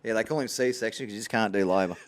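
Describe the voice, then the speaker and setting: A man's voice: on the low side, fast, no echo. An Australian man rattles along as a podcast co-host in a dry-sounding recording. His talk is casual, blokey and sweary, like a tradie having a yarn. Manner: blokey Aussie tradesman way of talking, sweary. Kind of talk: casual banter.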